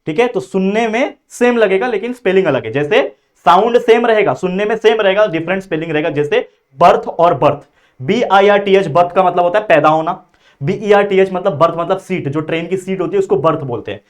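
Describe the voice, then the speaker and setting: A man. He explains step by step, keeps checking whether students follow, and slows right down to read each example sentence. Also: high-pitched, expressive. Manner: reads example sentences slowly and deliberately. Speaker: tutor. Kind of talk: exam-prep grammar lesson.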